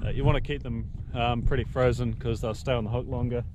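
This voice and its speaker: A relaxed man in his thirties from New Zealand walks through his fishing setup in a plain, practical way while out on a jet ski. His voice sits at an ordinary middle pitch. Wind and water rush loudly around the action-camera mic. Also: brisk. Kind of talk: casual how-to narration. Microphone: action camera mounted on the craft. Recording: windy outdoor action-camera audio. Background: wind and water noise.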